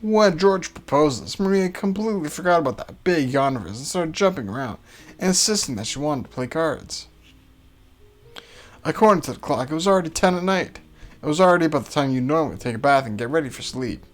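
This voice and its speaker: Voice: mid-range voice, animated, fairly quick. A reader of ambiguous-sounding gender giving a dramatic reading of story narration and inner thoughts. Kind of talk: dramatic reading of a visual novel. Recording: music behind.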